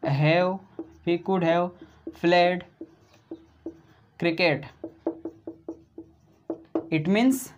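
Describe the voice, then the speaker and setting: Male online tutor, slow and methodical, repeats examples and checks with a "right?" tag, friendly to viewers. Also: sits high, a little mellow, dull audio, slight background noise. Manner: slow and deliberate, says he explains step by step. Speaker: teacher. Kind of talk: video grammar lesson.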